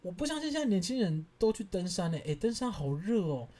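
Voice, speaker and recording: A man in his thirties with a Taiwanese Mandarin accent, hosting a podcast and telling stories in an animated, exasperated way, laughing as he goes. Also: sits high, brisk. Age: 30s. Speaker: podcast host. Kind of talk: casual storytelling monologue.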